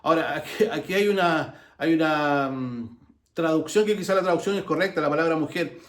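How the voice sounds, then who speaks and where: A man's voice: a little high, brisk, roomy sound. A man with a Chilean accent giving a conversational sermon, telling the story with humor, many restarts and side remarks. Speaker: preacher.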